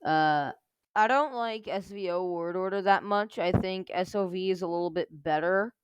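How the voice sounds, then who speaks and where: Rambling woman host, slightly low voice. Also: moderate pace, clean tone, no room sound, lo-fi sound. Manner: rambling, heavy use of filler "like". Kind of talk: casual language review commentary.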